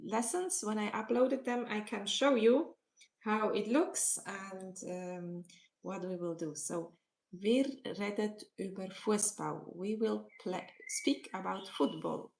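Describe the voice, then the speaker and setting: A middle-aged woman with a Swiss German accent, teaching on a live stream, slowly repeating questions to her viewers and switching into English. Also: medium pitch, gravelly, a little mellow. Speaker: language teacher.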